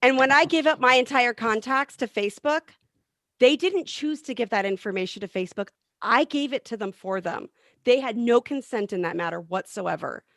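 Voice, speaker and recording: A woman who works as a technology coach, talking in a casual panel discussion, animated and thinking aloud with fillers and restarts. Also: a little high, moderate pace, no room sound, clean studio sound.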